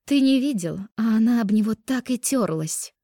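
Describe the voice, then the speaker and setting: A woman's voice: fairly high pitch, expressive, normal speed, warm tone, no room sound, clean studio sound, voice pushed up. A woman voicing a jealous teenage girl who shrilly accuses a rival. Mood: spiteful shrill.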